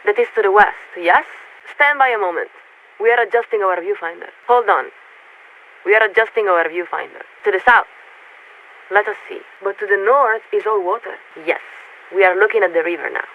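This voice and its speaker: In a video game, a woman voices a polite, detached, observant female warship officer surveying a city. Her medium-pitched delivery is formal and measured, turning hesitant when she searches for words. It all comes through a military radio filter that sounds tinny, narrowband and hissy.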